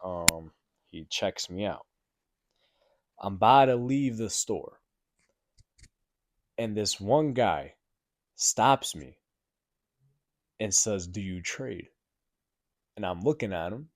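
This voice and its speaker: Young male podcast host, deep voice, dry room, loose rambling storyteller who swears, gets loud when shocked. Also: animated, slow, pauses often, no room sound. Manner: rambling, heavy filler words and profanity. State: recovering from sickness. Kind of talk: casual solo storytelling. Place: apartment building room.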